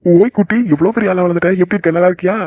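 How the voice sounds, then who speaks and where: A voice actor playing a gentle young son back home in a cartoon, reassuring his mother and sister. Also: medium pitch, fairly even intonation, racing, no room sound, lo-fi sound, natural voice. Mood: warm. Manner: soothing, reassuring. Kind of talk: cartoon voice acting.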